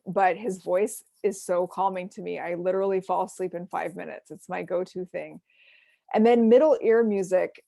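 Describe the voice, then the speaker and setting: Gentle woman presenter with a gravelly edge. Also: medium pitch, no room sound, studio quality. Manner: gentle, explanatory, with frequent fillers. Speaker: self-care workshop presenter. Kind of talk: online workshop presentation.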